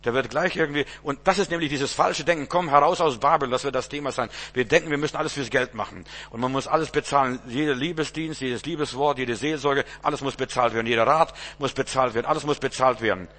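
A man's voice: medium pitch, fast talker, hardly any pauses, fairly bright tone. A male pastor, around his fifties, giving an informal sermon in a conversational way, with rhetorical asides and stammered repeated words.

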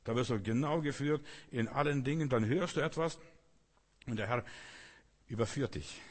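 A man's voice: on the low side, breathy edge. A man preaching a sermon with emphatic repetition, sometimes acting out complaining voices. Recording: long hall reverb.

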